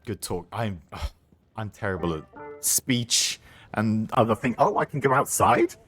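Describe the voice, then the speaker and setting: A man's voice: on the low side, animated, measured pace, fairly bright tone, husky. A British man streaming a war video game live, joking and chatting with his viewers as he plays. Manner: joking, chatty, reads chat aloud.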